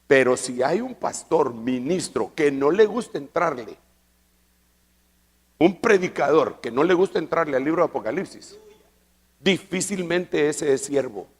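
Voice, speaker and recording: A man preaching a sermon at a church convention, arguing with rhetorical questions and repetition, and building up to drawn-out shouts. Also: fairly high pitch, lively intonation, husky. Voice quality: rises to loud, drawn-out shouting for emphasis. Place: large church convention hall. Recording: long reverb of a large hall.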